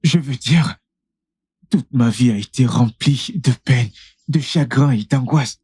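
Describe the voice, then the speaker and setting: A man's voice: medium pitch, takes it slowly, darkish tone, breathy edge. An actor playing a humble young man newly crowned king in a dubbed film, speaking earnestly. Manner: earnest, heartfelt.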